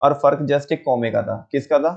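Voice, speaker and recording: A man's voice: mid-range voice, moderate pace, creaky. Storytelling male business teacher, lo-fi. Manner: storytelling, asks students questions, acts out quotes. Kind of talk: lively classroom lecture with acted examples.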